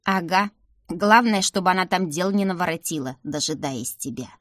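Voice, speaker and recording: A woman voicing a stern, sharp-tongued old grandmother who grumbles and scolds, in an audiobook reading. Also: mid-range voice, animated, normal speed, dry recording, studio quality, close to an everyday voice. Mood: scolding.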